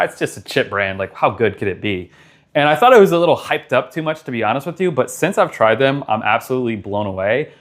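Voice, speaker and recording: Male vlogger, mid-pitched voice, casual and enthusiastic product reviewer with emphatic delivery.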